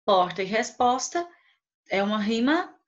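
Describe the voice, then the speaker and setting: A woman teacher walks her class through poetry at an unhurried, measured pace. She breaks each verse into syllables and counts them out one at a time. The recording is dull and lo-fi. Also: fairly high pitch, big pitch swings.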